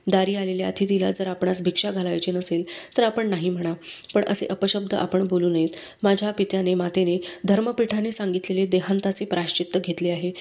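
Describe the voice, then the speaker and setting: A woman voicing a calm, wise young boy who begs for alms, speaking gently and slowly. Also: medium pitch, close to an everyday voice. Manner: slow, measured, gentle.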